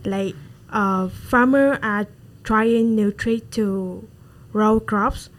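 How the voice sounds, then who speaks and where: A woman's voice: medium pitch, steady tone, drawn-out words, rough recording. A woman from Vietnam with a Vietnamese accent, talking in a student discussion and searching for words in plain, chatty phrases. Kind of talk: student discussion role-play.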